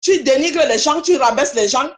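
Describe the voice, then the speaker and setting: A woman's voice: sits high, moderate pace. A woman appearing as a guest on a live stream, lecturing and scolding someone while repeating her points. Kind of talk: heated live stream commentary.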